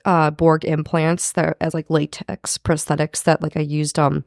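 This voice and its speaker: Podcast co-host, woman, low and creaky with strong vocal fry, casual chat, dry sound. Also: flat delivery, unhurried, darkish tone, dry recording. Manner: informal, swearing, frequent "like". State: husky from recent covid.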